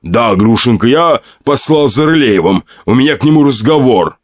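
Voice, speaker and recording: A man voicing a composed head of a noble household in a horror audiobook, with a soothing, measured manner. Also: mid-range voice, animated, dry recording, studio quality, close to an everyday voice.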